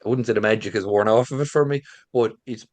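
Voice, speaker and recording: A man's voice: lowish voice, quick pace, a little mellow, dry recording. A middle-aged Irish man telling local folklore informally in an interview, with a lilting, conversational storyteller's manner. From rural Ireland. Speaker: visitor centre manager and local folklore storyteller.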